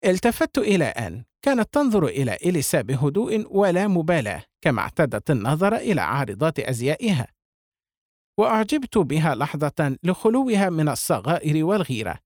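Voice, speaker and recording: A man reading a novel aloud as a narrator, with expressive delivery. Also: on the high side, brisk, dry recording, clean studio sound. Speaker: audiobook reader.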